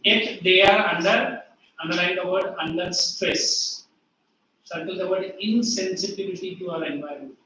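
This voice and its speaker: Bright-voiced Indian teacher in an echoey classroom. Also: male voice, sits high, normal speed, slight background noise. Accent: Indian English. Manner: quizzes students, mixes in Hindi phrases. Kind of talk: classroom lecture. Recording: echoey room, distant mic, dull sound.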